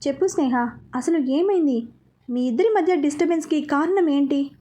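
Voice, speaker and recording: A woman's voice: high-pitched, brisk, dark tone, lightly acted. A woman voicing a grieving young wife who speaks earnestly and firmly, in a storybook reading. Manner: earnest, pleading.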